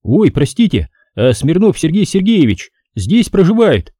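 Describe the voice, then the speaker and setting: A blunt young soldier in an audiobook, talking fast in slang and with impatience, played by a man narrating. His voice is pitched a bit higher than the narrator's, with a dark, husky grain. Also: very animated, no echo, clean studio sound, exaggerated voice. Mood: agitated.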